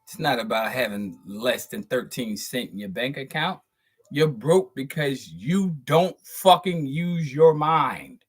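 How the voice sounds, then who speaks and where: Faint music plays behind a man whose medium-pitched voice is breathy, slow, and lively in intonation. As host of his channel, he preaches a profane, emphatic spiritual monologue, drawing out stressed words and chuckling between points.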